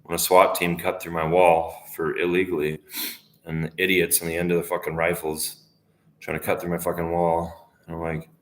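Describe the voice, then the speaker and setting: A man in his twenties with a deep, low voice rambles to the camera. His talk is profane and loose, often trailing off mid-thought. The sound carries the echo of a reverberant room. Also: monotone, normal speed. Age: 20s. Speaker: vlogger. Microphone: camera facing speaker. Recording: echoey room.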